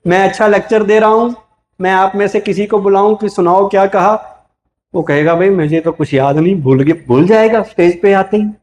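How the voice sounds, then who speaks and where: A man's voice: sits high, normal speed. A man with an Indian accent giving a motivational spiritual talk to a live audience, asking them questions and answering them himself. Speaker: spiritual speaker.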